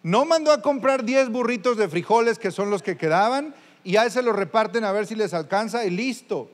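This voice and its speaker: High-voiced pastor preaching in a hall. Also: male voice, animated, normal speed. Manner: conversational preaching, addresses listeners directly with questions. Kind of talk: sermon. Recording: long reverb of a large hall.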